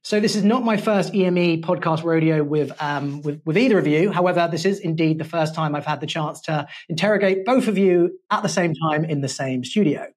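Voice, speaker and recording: A man with a London English accent hosts a studio podcast, his voice sitting a little high for a man. His delivery is polished, playful and wordy. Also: fairly quick, few pauses. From England. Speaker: podcast host. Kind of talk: corporate podcast hosting.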